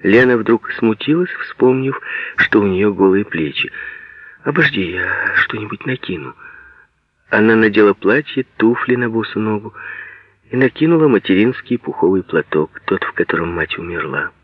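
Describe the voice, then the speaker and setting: Low-voiced man narrating an audiobook. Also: normal speed, no echo, phone-quality sound.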